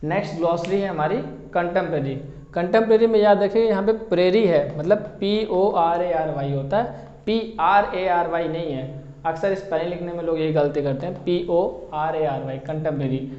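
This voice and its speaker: High-voiced man teaching in a roomy echo. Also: moderate pace, darkish tone. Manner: repeats questions to check understanding. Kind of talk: Hindi lecture on English poetry. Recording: roomy, dull lo-fi audio.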